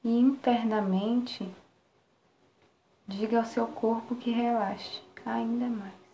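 A Brazilian woman guiding a relaxation meditation in a soft, soothing spa-like manner, with long pauses between short phrases. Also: fairly high pitch, fairly even intonation. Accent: Brazilian Portuguese. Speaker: meditation guide. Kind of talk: guided relaxation meditation, live. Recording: roomy echo, faint background noise.

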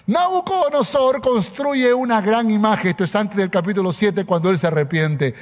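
High-voiced preacher in an echoing hall. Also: male voice, normal speed. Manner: emphatic, calls for amen, repeats phrases. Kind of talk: sermon. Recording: long hall reverb.

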